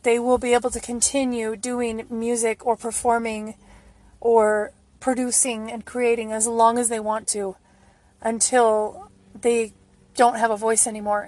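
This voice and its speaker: A woman's voice: fairly high pitch, flat delivery, moderate pace, darkish tone, dry recording. A woman hosting a solo podcast, talking in an informal, rambling, casual way. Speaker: podcast host. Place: at home, recorded in a stairwell for the introduction.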